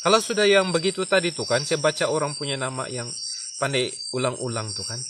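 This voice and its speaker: A man with a Sabah Malay accent chatting casually to his livestream viewers, stammering and repeating himself in a self-mocking way. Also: on the high side. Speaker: livestream host. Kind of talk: casual live-stream chat. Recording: noisy night recording with crickets. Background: crickets and insects chirping.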